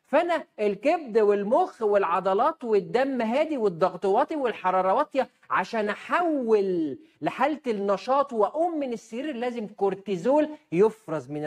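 A woman's voice: medium pitch, a little mellow. A woman doctor with an Egyptian accent giving a health advice talk, emphatic and posing rhetorical questions she then answers herself. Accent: Egyptian Arabic.

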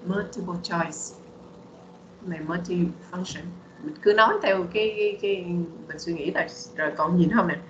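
Patient woman tutor, low voice, roomy muffled call line. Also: normal speed, fairly bright tone, slight background noise. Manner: patient, repeats words for drilling. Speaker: English teacher. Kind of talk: online bilingual English lesson.

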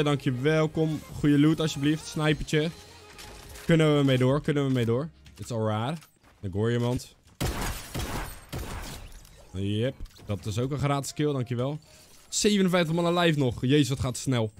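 A man's voice: mid-range voice, measured pace, long pauses, soft background music. Young man with a stuffy nose, gaming commentary. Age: young adult. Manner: mixes in English slang. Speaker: streamer. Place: indoor streaming setup. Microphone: close boom microphone.

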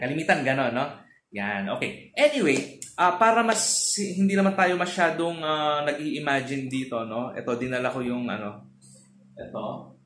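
A man's voice: medium pitch, a bit bright. A man from the Philippines giving a casual online choir lesson. He explains patiently and keeps checking in with his listeners through short tag questions. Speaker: choral music teacher. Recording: roomy echo with faint noise.

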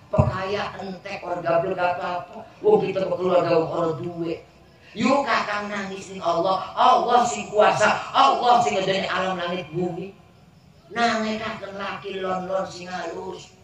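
A male Islamic preacher with a Serang Javanese accent, giving a humorous wedding sermon in a lively, joking way. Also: sits high. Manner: lively, joking, acts out voices. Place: outdoor wedding gathering. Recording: heavily echoing distant PA with crowd.

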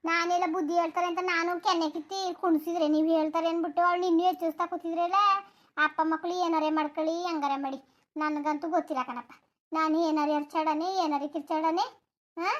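A woman's voice: very high voice, flat delivery, fast. A woman voicing a fed-up village mother in a cartoon who scolds and complains at length. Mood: scolding. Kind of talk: cartoon voice acting.

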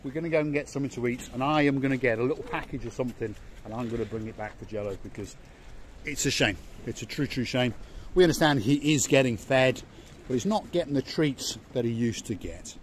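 Talking fast in a medium-pitched voice, with a little hiss or hum, this vlogger walks a seaside harbour outdoors. He's a man in his fifties holding his phone at arm's length, presenting to camera in an enthusiastic, chatty way.

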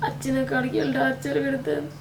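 A woman's voice: high-pitched, sing-song, fast, a little mellow, echoey room, a little hiss or hum. A young woman with a Telangana Telugu accent playing a sorrowful, weary pregnant wife in a village drama, talking in a plaintive, tearful way. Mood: sad, plaintive. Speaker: actor in a village short film.

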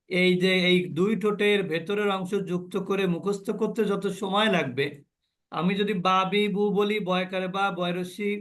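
High-pitched man teaching recitation. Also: fairly bright tone. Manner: drills students by repeating sounds and asking questions. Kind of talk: online class lesson.

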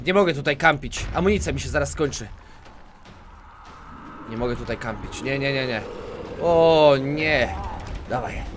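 A man giving let's play commentary, talking to himself and switching between low mutters and sudden yelps. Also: noisy background. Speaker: gaming YouTuber.

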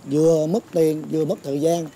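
Brief: actor as a scruffy, good-humored delivery driver, rapid everyday banter. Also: male voice, on the high side, little pitch movement, mellow, a little hiss or hum, lightly acted, low-quality recording. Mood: amused. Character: easygoing working-class man, scruffy but good-humored. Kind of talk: TV drama acting.

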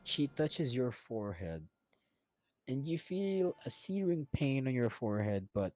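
A man narrating a tabletop role-playing game as game master, in a slow, unhurried way. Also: mid-range voice, very animated, dark tone, dry recording, faint music behind.

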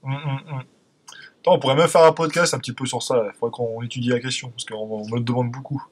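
A man's voice: medium pitch, fairly even intonation, fast. A man with an accent from France, hosting a fitness podcast in a casual, conversational way. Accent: French, from France. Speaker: podcast host.

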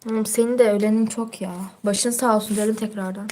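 A woman's voice: medium pitch, fairly even intonation, quick pace, warm tone. A teenage girl chatting casually on her livestream, reading out viewer comments in a teasing, chatty way and laughing often.

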